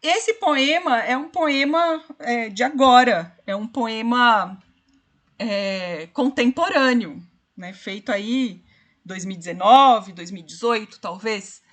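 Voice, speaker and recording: Slow-speaking woman teacher. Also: a little high, fairly bright tone. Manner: explains slowly, counts syllables aloud, addresses students directly. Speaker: literature teacher. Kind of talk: online class lecture.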